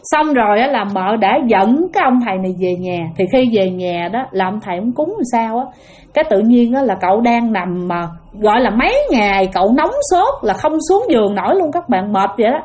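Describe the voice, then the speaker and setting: A woman's voice: medium pitch, lively intonation, fairly quick, darkish tone. A woman with a Southern Vietnamese accent tells a ghost story casually, often turning to address her listeners. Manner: chatty, addresses listeners, many fillers.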